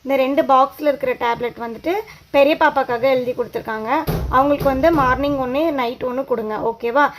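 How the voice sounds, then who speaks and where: A woman's voice: sits high, fairly even intonation, fast talker, a little hiss or hum, lightly acted. A woman voicing a patient adult nurse doll who soothes and coaxes a frightened child in a doll show. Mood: coaxing. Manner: soothing, coaxing, explaining step by step.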